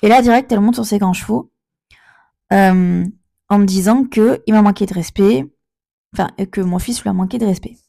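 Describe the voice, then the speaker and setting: A woman's voice: mid-range voice, moderate pace, creaky, warm tone. A woman in a casual storytime vlog, retelling a confrontation as an indignant, emphatic mother who repeats her points.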